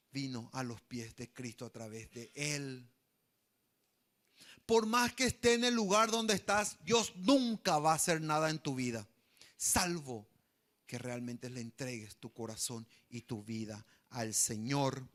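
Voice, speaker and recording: Bright, high-voiced pastor. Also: male voice. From Paraguay. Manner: animated, asks the congregation questions, acts out quoted voices. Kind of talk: sermon.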